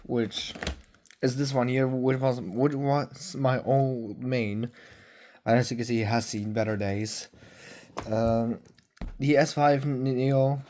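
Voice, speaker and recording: A man's voice: medium pitch, a little mellow. Rambling young man reviewing phones. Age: young adult. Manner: rambling, halting, many fillers and self-corrections. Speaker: tech vlogger. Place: at home.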